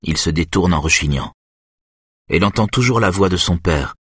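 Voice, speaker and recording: A man reading a thriller audiobook in a steady, measured narration. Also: deep voice, breathy edge, no room sound, studio quality.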